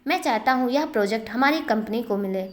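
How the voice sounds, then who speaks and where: A woman's voice: on the high side, lively intonation, fairly quick, natural voice. A woman voicing a stern grandfather who worries about his family company, in a storybook reading. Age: older.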